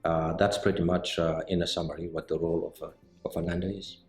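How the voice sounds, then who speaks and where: A middle-aged man from Senegal, a mortgage banker answering interview questions in a measured, explanatory way with frequent pauses. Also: low-pitched, level tone. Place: indoor office set with bookshelves. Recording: roomy indoor sound with faint music.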